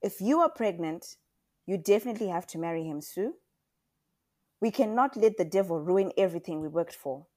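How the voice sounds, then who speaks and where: A woman's voice: lowish voice, expressive, moderate pace, warm tone. A woman reading the part of an anxious, stern mother who pushes her teenage daughter, in an urgent, pleading voice. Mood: urgent, insistent.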